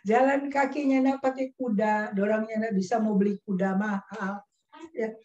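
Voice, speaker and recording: A woman's voice: a little high, fairly even intonation, moderate pace, a little mellow. Woman teacher preaching to kindergarteners in an echoey room. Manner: storytelling, speaks to children, acts out quoted voices. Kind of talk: children's sermon. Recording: dull, echoey room sound.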